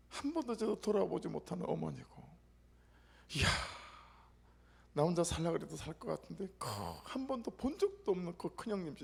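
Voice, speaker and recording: Animated husky-voiced male pastor. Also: sits high. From South Korea, Gyeongsang region. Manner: animated storytelling with acted-out quotes. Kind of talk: sermon storytelling.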